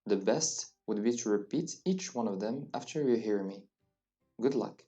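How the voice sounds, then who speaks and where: A man's voice: fairly low pitch, lively intonation, normal speed, mellow, muffled recording. A man teaching a beginner French lesson, patiently saying each phrase and then repeating it. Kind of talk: slow beginner language lesson. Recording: distant mic with faint background music.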